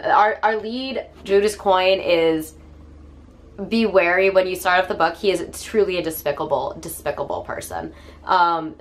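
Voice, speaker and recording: A young woman with a cold gushes about horror novels in a casual vlog. Her voice sits a little low and sounds stuffy from the cold. She talks eagerly and pads her sentences with lots of fillers. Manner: enthusiastic, gushing, with fillers. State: hoarse from a cold. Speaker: book reviewer. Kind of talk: casual book review vlog.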